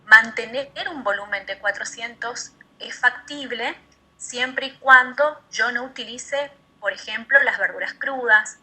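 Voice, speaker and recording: Husky, bright-voiced woman teaching. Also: on the high side, unhurried, low-quality recording. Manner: explanatory, methodical, repeats key terms. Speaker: nutrition teacher. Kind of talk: online class explanation.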